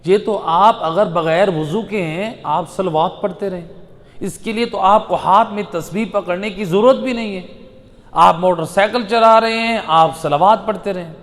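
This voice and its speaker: A man preaching a majlis sermon, swinging from loud exhortation to soft chanted recitation. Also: high-pitched. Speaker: Shia preacher. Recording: long hall reverb.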